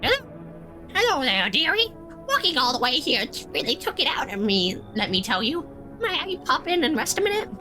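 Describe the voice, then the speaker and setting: Woman putting on a high, tired old crone. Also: sing-song, brisk, music in the background. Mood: wheedling, weary. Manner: folksy, riddling, calls listener dearie. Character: cryptic, sly old woman wanderer, wheedling.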